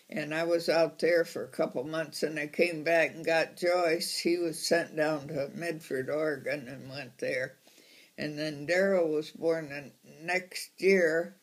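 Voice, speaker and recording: A very old woman of ninety-one reminisces casually in a halting, unhurried way, as someone being interviewed. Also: sits low.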